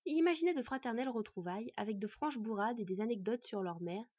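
A woman narrating a fantasy audiobook in an even, measured reading. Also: on the high side, husky, no echo, lo-fi sound.

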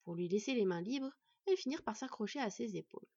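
A woman reading a fantasy story aloud in an expressive storytelling manner. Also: medium pitch, fast, slightly rough, no room sound. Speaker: audiobook reader. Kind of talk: scripted fantasy narration. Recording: dull lo-fi recording.

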